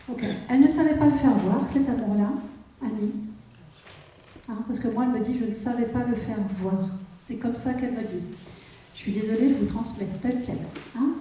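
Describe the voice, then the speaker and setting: In a roomy conference hall, a woman medium reads live for an audience, repeatedly asking "hein" and "vous comprenez". Her voice is on the high side with a dark tone, recorded from a distance.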